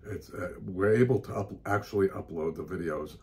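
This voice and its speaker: A man's voice: low-pitched, normal speed, a little mellow. An older man on a cruise ship, adding short remarks to a travel vlog from his cabin. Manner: brief interjections and short remarks. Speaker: travel vlogger. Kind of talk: casual chat.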